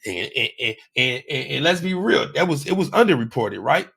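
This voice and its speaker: A man's voice: mid-range voice, big pitch swings, moderate pace, vocal fry, a bit bright, breathy edge. A man hosting his own podcast, giving a blunt, profane opinion monologue with emphatic repeated phrases. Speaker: podcast host.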